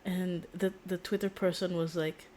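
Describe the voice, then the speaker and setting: Over game audio and faint background noise, a woman streams and chats in a blunt, slangy, meandering way, repeating herself often. She speaks at a normal speed in a lowish, slightly mellow voice with little pitch movement.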